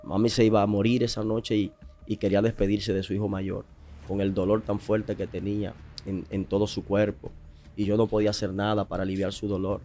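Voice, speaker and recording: A pastor from the Dominican Republic tells a moving testimony in a low-pitched male voice. He builds his story with rising emphasis, pressing harder at the key moments. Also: level tone, brisk, mellow, slight background noise. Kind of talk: emotional testimony.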